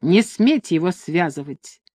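A woman's voice: lowish voice, animated, measured pace, a little mellow, no echo, clean studio sound. A woman reading an audiobook, voicing a proud young noble lady who speaks ardently and commandingly.

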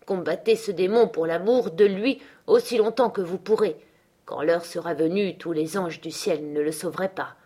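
A desperate man near madness makes dark threats, read by a woman. The voice stays low for a woman and loud. It is a menacing audiobook performance. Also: normal speed, breathy edge.

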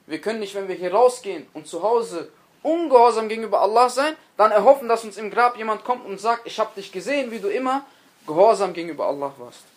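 Male lecturer, high voice, earnest sermon delivery, repeats lines for emphasis, speaks straight to the audience. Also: expressive, fast. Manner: earnest preaching with dramatic emphasis on quoted speech; repeats key phrases and addresses listeners directly. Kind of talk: religious lecture.

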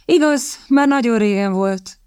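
A woman voicing a calm, worldly older aunt in an audiobook, speaking slowly and measured. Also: on the high side, clean tone, no echo, studio quality, voice pushed up, lightly acted. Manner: slow, measured.

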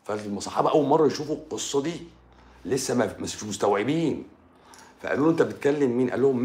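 An Egyptian man preaches quickly and animatedly, his pitch swinging up and down as he keeps turning to the listener. He repeats his phrases for emphasis. The room around him sounds echoey. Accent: Egyptian Arabic. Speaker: religious speaker. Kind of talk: live stream religious talk.

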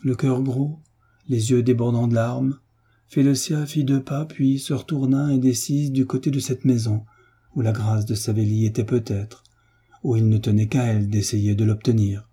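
Husky dark-voiced male narrator. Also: mid-range voice, fairly even intonation, normal speed. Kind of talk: audiobook narration.

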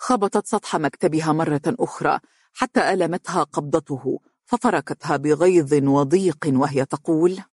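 A narrator reading a novel aloud in a steady, clear way. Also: medium pitch, normal speed, no echo, clean studio sound.

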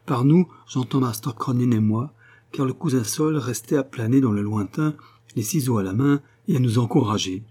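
A man reading a novel aloud in steady, measured narration. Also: mid-range voice, slightly rough. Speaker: audiobook reader. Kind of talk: scripted narration.

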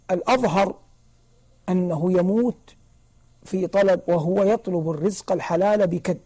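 A man giving a religious lesson as a sheikh, explaining slowly and repeating key phrases for emphasis. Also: high-pitched, vocal fry, warm tone, poor audio. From Saudi Arabia.

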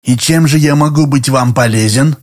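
A man's voice: medium pitch, normal speed, darkish tone, natural voice. A man reading an audiobook, voicing a falsely polite middle-aged tenant who turns curt and wary. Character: smooth-then-suspicious middle-aged male tenant.

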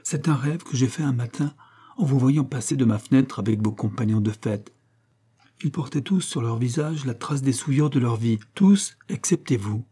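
A man reading aloud who voices an earnest, pious sixteen-year-old Venetian girl, pleading softly and at times in a hushed voice. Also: mid-range voice, lively intonation, moderate pace, husky. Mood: hushed dreamy. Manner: pleading, soft and dreamy, sometimes whispered.

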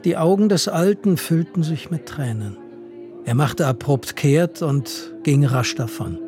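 A man giving a measured, expressive literary reading on radio, with music underneath. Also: on the high side. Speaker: reader.

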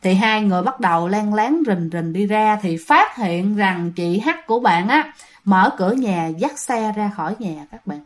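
A woman's voice: medium pitch, animated, moderate pace. A woman narrating a ghost story in a chatty way, talking to her listeners.

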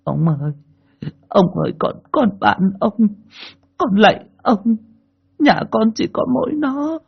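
A man's voice: sits high, big pitch swings, measured pace, gravelly, breathy edge, dull audio, voice pushed up, exaggerated voice. A man voicing a frail old peasant woman in her sixties who pleads through tears in an audio story. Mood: desperate begging. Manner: pleading, wailing. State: crying.

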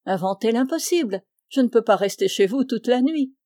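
Une femme lit les répliques d'une jeune femme taquine mais hésitante, d'une voix douce, dans un livre audio. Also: female voice, fairly high pitch, expressive, moderate pace, dark tone, dry recording, clean studio sound, close to an everyday voice. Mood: teasing. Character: young woman, teasing yet hesitant. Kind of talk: audiobook dialogue reading.

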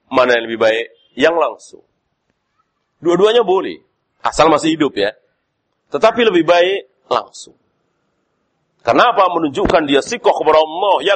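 A man giving a sermon as a preacher, lively in delivery with frequent "ya" and rising stresses. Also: medium pitch. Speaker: Islamic preacher.

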